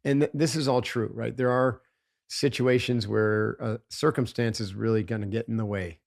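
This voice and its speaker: A man's voice: mid-range voice, fairly even intonation, normal speed, creaky, a little mellow. A man, a guest on a podcast interview, talking in an emphatic coaching tone and often asking "right?".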